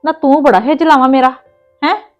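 A sulky, snappish mother, played by a woman in a family web drama, brushing off her son with curt replies. Her voice is high, with faint music behind. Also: a little fast, close to an everyday voice.

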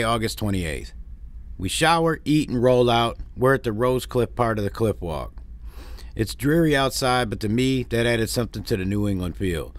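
A man from Detroit narrating a family road-trip vlog in a plainspoken, wry way, with dry complaints. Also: fairly low pitch. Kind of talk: narrated travel recap.

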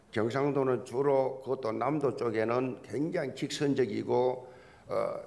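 A man preaching a sermon as pastor, telling jokes and folksy stories and repeating key words for emphasis. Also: medium pitch. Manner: folksy, joking storyteller.

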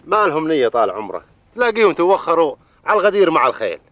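An actor playing an earnest middle-aged suitor in a television drama, speaking formally and respectfully with a Bedouin Arabic accent. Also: male voice, fairly high pitch, big pitch swings, very fast, fairly bright tone, no echo, distant mic. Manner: deferential, formal.

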